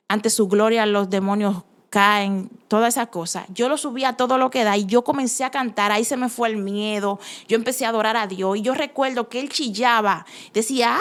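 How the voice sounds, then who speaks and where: A woman's voice: fairly high pitch, fairly bright tone. Woman giving testimony. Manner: earnest, emphatic storytelling with many restarts. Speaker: testimony giver. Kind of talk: personal faith testimony.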